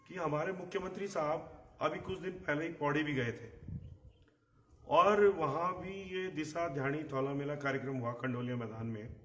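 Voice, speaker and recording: A middle-aged man with a hoarse voice, giving emphatic live political commentary and clearing his throat. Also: fairly high pitch, fairly bright tone, echoey room. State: hoarse, recovering from a bad cough. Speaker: journalist and live show host. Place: outdoor terrace in the hills. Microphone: phone a short distance away.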